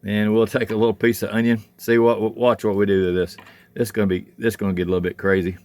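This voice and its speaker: A man's voice: lowish voice, flat delivery, quick pace, darkish tone, dry recording. Folksy man chatting over his cooking. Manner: folksy, chatty, thinks aloud while working. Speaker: home cook and channel host. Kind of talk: casual cooking vlog. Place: outdoor cook shack. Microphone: handheld camera.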